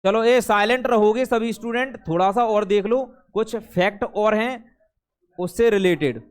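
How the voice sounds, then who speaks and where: An Indian male teacher in a classroom talks with his students in a high, clear voice at normal speed, tossing in jokes between passages he reads aloud.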